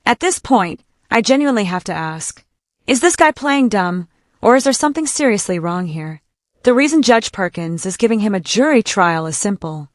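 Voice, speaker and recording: A woman's voice: mid-range voice, animated, moderate pace, no echo, clean studio sound. A woman hosting with scripted opinion commentary in a mocking, incredulous manner. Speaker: commentary host.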